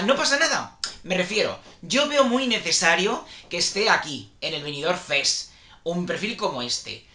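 Male vlogger, bright and sharp tone, talky and opinionated. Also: high-pitched. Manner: chatty, opinionated, reassuring the viewers. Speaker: music channel host. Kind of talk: casual opinion commentary. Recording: echoey room.

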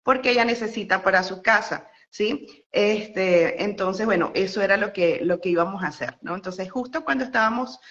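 A young Venezuelan woman spills out a story in a bright, forward voice, full of fillers, restarts and little laughs. The line sounds slightly muffled and lo-fi. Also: mid-range voice, normal speed, few pauses. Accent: Venezuelan Spanish. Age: young adult. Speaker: interview guest. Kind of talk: casual phone interview storytelling.

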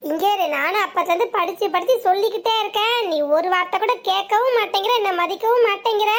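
A woman voicing a sharp-tongued, bossy village daughter-in-law in a cartoon, speaking with a Tirunelveli Tamil accent as she mocks and scolds. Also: very high voice. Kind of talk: cartoon voice acting.

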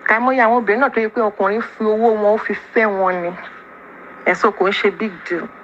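A woman's voice: medium pitch, very fast, a bit bright. A Nigerian woman speaking in a played-back voice message, accusing and emphatic, switching between English and Yoruba. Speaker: sender of a voice note. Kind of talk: angry personal voice message. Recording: dull lo-fi voice note with faint noise.

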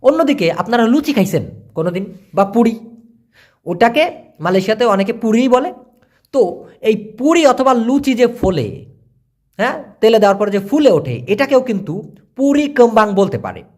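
A man from Bangladesh gives a casual vocabulary lesson in a high, lively voice that climbs and dips a lot. He is chatty and folksy, leaning on everyday examples and rhetorical questions. He spells out phrases slowly, repeating them at half speed. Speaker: language teacher. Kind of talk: casual lesson explaining words.

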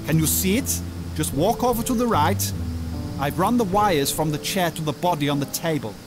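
A man's voice: fairly high pitch, expressive, moderate pace, music in the background, close to an everyday voice. An actor voicing a commanding, theatrical male doctor who brings the dead back to life in a video game. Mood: instructing.

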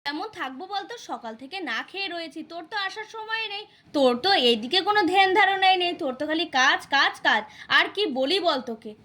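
A woman gives voice to a fretful elder sister in a homemade doll puppet show. She complains and scolds in a very high, rapid voice. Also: animated, sharp tone, heavily acted. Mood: scolding. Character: impatient fussing elder sister, middle-aged woman.

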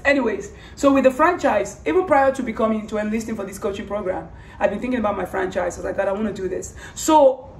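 A woman with a hoarse voice that is giving out, talking casually and earnestly in a personal vlog, rambling and repeating phrases for emphasis. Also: medium pitch. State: hoarse, losing her voice. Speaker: vlogger. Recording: roomy, distant mic, faint background noise.

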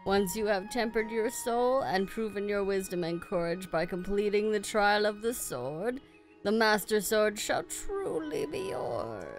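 A woman voicing a solemn, wise old male tree spirit from a video game, reading slowly and with measured weight. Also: medium pitch. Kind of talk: reading game dialogue aloud.

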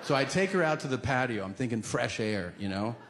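A middle-aged man doing stand-up comedy, telling a story in an animated, exasperated way. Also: medium pitch, fairly quick. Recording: echoey room with loud background noise.

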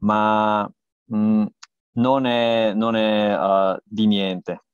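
A man in his thirties with a Slovak accent, a non-native speaker searching haltingly for words as an interview guest on a video call. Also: fairly low pitch, little pitch movement, smooth, no echo. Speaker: guest cycling journalist and podcaster. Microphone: earphone headset on a video call. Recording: dull, lo-fi video-call audio.

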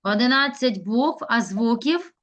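A woman's voice: on the high side, expressive, unhurried, noisy background. A woman teaching a classroom lesson, stretching out words as she dictates and coaxing pupils with questions. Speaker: primary school teacher.

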